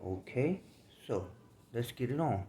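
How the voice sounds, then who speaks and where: An older man from New York reading aloud from his own memoir, unhurried and plainspoken, with casual asides. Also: mid-range voice, animated, mellow. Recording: roomy room with faint background noise.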